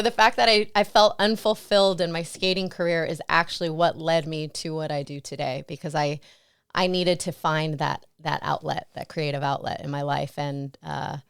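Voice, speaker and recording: A woman's voice: sits low, steady tone, normal speed, gravelly, clear, resonant tone, no echo, clean studio sound. A woman guest in an interview, reflecting on her career in a casual storytelling way and often laughing. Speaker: interview guest, stunt performer and actress.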